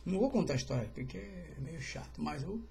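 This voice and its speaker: A man's voice: fairly high pitch, expressive, a little fast, creaky, darkish tone. A man, a pastor, teaching an informal livestreamed Bible study in a chatty way, with joking asides and greetings to viewers.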